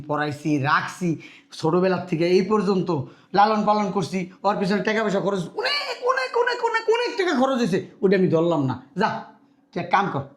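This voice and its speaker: A man with a high-pitched voice plays an abusive father-in-law who scolds others in a Bangladeshi short drama skit. The recording has the echo of a reverberant room.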